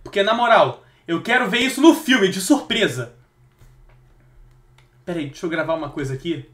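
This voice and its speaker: A young man with a Brazilian Portuguese accent who hosts a trailer reaction and bursts into excited shouts. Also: high-pitched, moderate pace. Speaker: reaction video host. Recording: echoey room.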